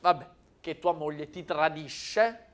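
A man with a high voice plays the know-it-all in a studio comedy sketch. He dictates slowly and scolds with weary exasperation. His speech drags at a deliberate pace. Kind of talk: comic sketch dialogue.

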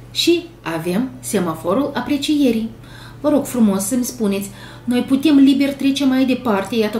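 A woman with a Moldovan Romanian accent, a primary school teacher giving a video lesson to young children, speaking slowly and clearly and sounding out syllables in an encouraging way. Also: mid-range voice, darkish tone. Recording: echoey room, faint background noise.

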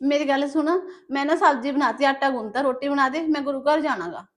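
A woman's voice: high voice, fast, close to an everyday voice. A woman playing a hardworking, put-upon elder sister-in-law who earnestly protests in a village family drama. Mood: protesting.

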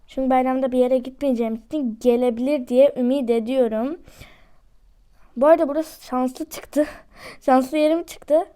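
A woman giving chatty, excitable commentary to her viewers while she plays a game at home. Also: high voice. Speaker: gaming YouTuber. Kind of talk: casual gameplay commentary.

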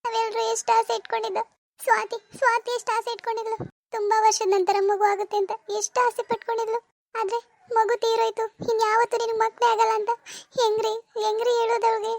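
A woman's voice: very high voice, racing, no room sound. A woman voicing a grieving, defensive mother-in-law in a cartoon. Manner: wailing laments, then stern rebukes. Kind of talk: animated cartoon voice acting.

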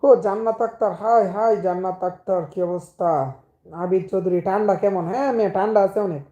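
A hoarse young man, chatting casually with viewers on a live stream and greeting commenters by name. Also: high-pitched, fairly even intonation, fast talker, warm tone, highs cut off. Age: young adult.

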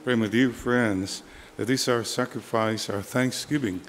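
An older man, a priest praying solemnly at Mass in short, measured phrases. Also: mid-range voice, steady tone, over music. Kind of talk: solemn liturgical prayer. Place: indoor chapel altar. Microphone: gooseneck altar microphone.

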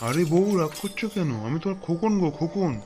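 A man's voice: fairly high pitch, quick pace, natural voice. A man voicing a dazed, whining beggar in a cartoon comedy, with music behind. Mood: pleading. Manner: whining and pleading. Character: dazed, pleading male beggar gone mad.

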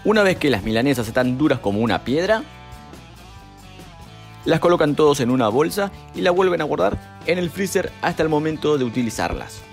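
A young man talks through a recipe one calm step at a time. His voice sits a little higher than most men's. Soft music plays under the voice-over. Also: fairly quick, creaky. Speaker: cooking channel host.

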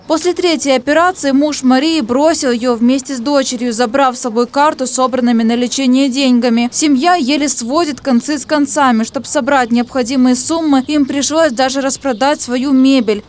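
Woman, TV news reporter, high voice, scripted voice-over narration. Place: voice-over recorded apart from the pictured scene.

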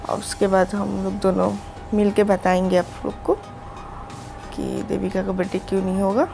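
A young woman from Assam, India, records a chatty vlog at home and talks straight to her viewers. Her voice sits at a middle pitch. Faint music plays underneath. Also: creaky, dark tone. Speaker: vlogger. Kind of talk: casual vlog chat. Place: home, indoors.

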